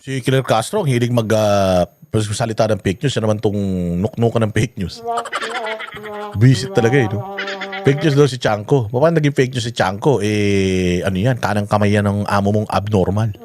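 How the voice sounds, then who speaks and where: A man's voice: lowish voice, normal speed, music in the background. A man giving heated, mocking commentary on a news story, swearing and firing rhetorical questions. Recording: noisy background.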